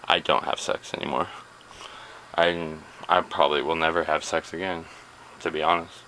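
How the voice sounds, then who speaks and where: A man's voice: rumbling low, flat delivery, normal speed, bright, forceful tone, slight background noise, poor audio. A man vlogging alone to his camera, rambling and swearing freely while trailing off mid-thought. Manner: rambling, profane, self-deprecating, trailing off.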